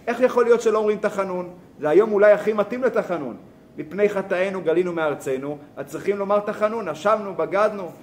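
A man teaching a Torah lesson, asking rhetorical questions and telling a story. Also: sits high. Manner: animated, asks rhetorical questions.

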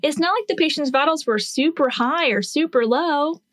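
A woman's voice: high voice, moderate pace, fairly bright tone, no echo. A woman in her forties, a nurse hosting a podcast, telling a patient story and teaching in an earnest, explanatory way with rhetorical questions.

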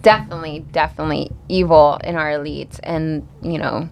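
A woman's voice: low voice, steady tone, fairly quick, gravelly, a little mellow, slight background noise. A woman co-hosting a conversation in a casual, conversational style. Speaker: podcast co-host.

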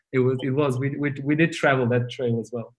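A male company founder answering interview questions in a mid-pitched voice. He talks softly and haltingly, pausing often to find the right word. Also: steady tone, soft background music, poor audio. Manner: soft-spoken, halting, searching for words. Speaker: company founder, podcast guest.

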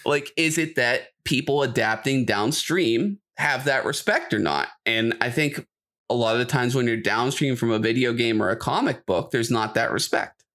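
A man co-hosts a podcast, chatting casually and offering his opinions informally. His voice sits in the mid range, a little bright, at a moderate pace.

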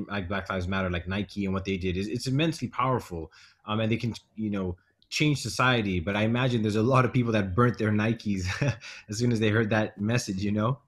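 A man hosting an interview, talking casually with many fillers. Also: lowish voice. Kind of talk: interview conversation.

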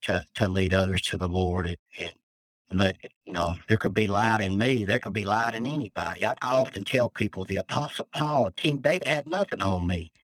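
A man's voice: lowish voice, brisk, no room sound, low-quality recording. A man calling in to share an emotional, earnest personal testimony of faith as a guest. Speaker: death row inmate guest. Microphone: phone call.

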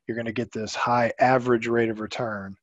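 A man co-hosting a finance podcast, explaining in a casual way, often trailing off quietly and saying "you know". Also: medium pitch, flat delivery, a little fast, no echo, lo-fi sound. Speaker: podcast co-host.

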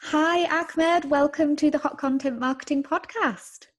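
A woman's voice: sits high, fairly even intonation, measured pace. A woman hosting a marketing podcast, upbeat and encouraging as she interviews a guest after a scripted intro. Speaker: podcast host.

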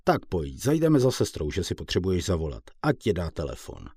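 A man voicing a friendly male fellow patient who gives brisk, matter-of-fact advice in an audiobook. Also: deep voice, big pitch swings, a little mellow, breathy edge, no echo, studio quality, full character voice. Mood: brisk helpful.

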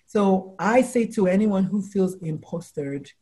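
An American woman, 40s or older, works as a doctor and life coach. In a casual interview she tells lively stories at a measured pace, acting out quotes with high exclamations.

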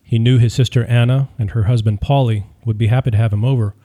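A man reading a true-crime audiobook in scripted narration, measured and even. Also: medium pitch.

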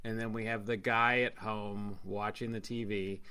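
A man's voice: fairly low pitch, little pitch movement, measured pace, pushed and bright, smooth. A man hosting a casual panel podcast, blunt and profane, ranting with emphasis. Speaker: podcast host.

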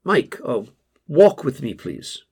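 A man doing a calm, soft-spoken male therapist. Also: mid-range voice, vocal fry, breathy edge, exaggerated voice. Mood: gently probing. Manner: measured, gently probing.

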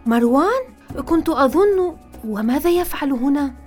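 A woman playing a defiant young nurse who shares a flat, quarrelsome in an audio drama. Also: on the high side, moderate pace, faint music behind. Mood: alarmed.

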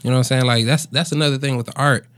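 A man's voice: medium pitch, fairly even intonation, very fast, fairly bright tone, no echo. A man in his twenties, a musician chatting casually in a laid-back, slangy bro manner with plenty of swearing. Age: 20s. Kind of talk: casual conversational storytelling.

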